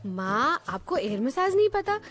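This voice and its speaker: A woman dubbing a chatty young daughter who talks back to her parents, with soft music behind. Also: high-pitched, very animated, measured pace, exaggerated voice. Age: young adult. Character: cheerful young daughter with a new job. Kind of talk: Hindi dub of a TV drama.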